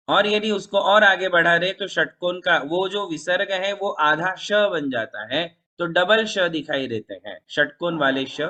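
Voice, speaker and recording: A man teaching in a spiritual discourse, speaking very slowly with a slightly high, bright voice. He explains patiently, repeats key words for pronunciation and keeps checking with his listeners. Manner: asks the audience questions often. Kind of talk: religious discourse lesson.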